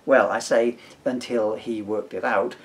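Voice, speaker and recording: With a lowish voice and steady tone, a middle-aged British father who writes and performs reads his comic material aloud at a measured pace. Between readings he chats casually and rambles playfully; the camera mic adds a little hiss or hum.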